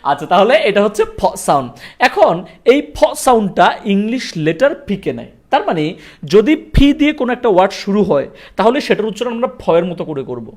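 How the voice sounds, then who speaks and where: Man, Bengali accent, English pronunciation teacher, very lively pitch, coaxing and drilling, classroom lesson. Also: a little fast.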